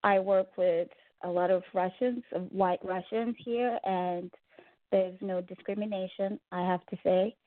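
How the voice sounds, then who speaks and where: A woman's voice: mid-range voice, fairly even intonation, measured pace. Woman from Zimbabwe on a phone line. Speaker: guest singer-songwriter. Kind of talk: phone-in interview. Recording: tinny dry phone line.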